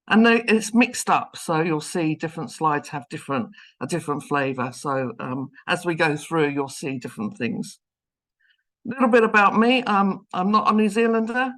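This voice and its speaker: A London-born professor in her fifties, with a London English accent, gives an online seminar as a guest lecturer over a video call. Her voice is low-pitched and slightly bright, and her manner is chatty and self-deprecating.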